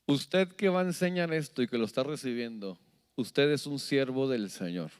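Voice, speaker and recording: A man preaching a sermon as pastor, animated, asking the congregation questions and acting out little scenes. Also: mid-range voice, moderate pace, clear, resonant tone. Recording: long hall reverb.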